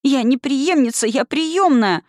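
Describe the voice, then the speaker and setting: Reading an audiobook, a woman voices a frightened little girl who stammers and pleads, pitching above her own voice yet staying close to everyday speech. Her fairly high delivery is brisk and fearful, captured as clean studio sound with no room echo.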